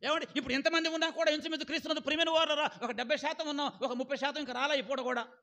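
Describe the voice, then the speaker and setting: Male pastor, high bright voice, sermon full of questions to the congregation. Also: fairly even intonation, racing. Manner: calls on the congregation to answer aloud; keeps asking "ఏమండి?".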